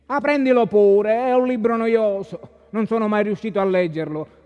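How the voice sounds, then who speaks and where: Casting: man voicing a hearty, oblivious husband, high voice, long reverberant hall. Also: normal speed, lo-fi sound, natural voice. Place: library hall.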